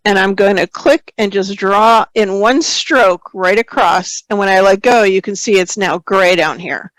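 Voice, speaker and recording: Hoarse and clearing her throat at points, a woman with a medium-pitched voice teaches a photography webinar through a screen-share software tutorial. Her manner is relaxed as she works, explains, and reads viewer questions aloud. The audio is poor and dry.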